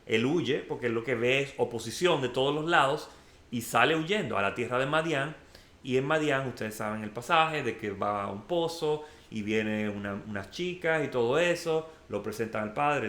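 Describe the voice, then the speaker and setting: A man's voice: medium pitch, fairly bright tone, roomy sound. A man leading a verse-by-verse Bible study, reading a passage and then explaining it in a conversational way with frequent "ok"s. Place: church room.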